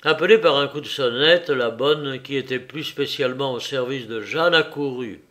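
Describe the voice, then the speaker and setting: A man giving a measured, scripted narration of a novel as an audiobook reader. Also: mid-range voice, a bit bright.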